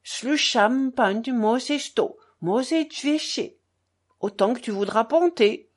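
A woman reading a novel aloud, voicing a haughty gentleman gambler who talks stiffly in halting, broken phrases. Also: on the high side.

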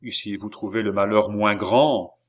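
A man's voice: lowish voice, fairly even intonation, unhurried. A man playing a grieving, hot-tempered young nobleman, speaking with agitated sorrow. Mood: bitter.

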